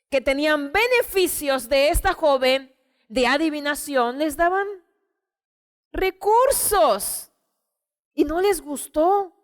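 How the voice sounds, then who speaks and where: A woman pastor delivers an expressive sermon in a high voice. She retells scripture with dramatic emphasis. Her voice rings with a long reverb from the church hall.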